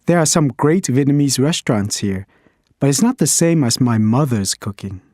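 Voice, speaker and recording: An actor voicing a reflective man from Vietnam, thoughtful in a scripted textbook interview. His voice is mellow and dry, very close to the mic. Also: mid-range voice, animated, moderate pace, no echo, close to an everyday voice. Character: man from Vietnam working in communications.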